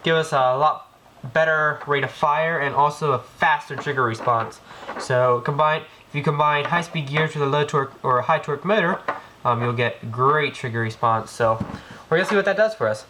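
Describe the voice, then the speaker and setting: This airsoft gearbox demonstrator has a cold and a fairly high-pitched voice, talking at a moderate pace. He rambles through a casual tutorial while working on the floor indoors, with plenty of ums and restarts, captured in a noisy home video full of clicks.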